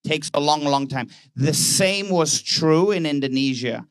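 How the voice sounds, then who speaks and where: Man giving a lively keynote talk. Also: fairly high pitch, dry recording. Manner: anecdotal, plays out dialogue in quick voices. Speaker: conference speaker, banker. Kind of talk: keynote speech. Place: conference hall.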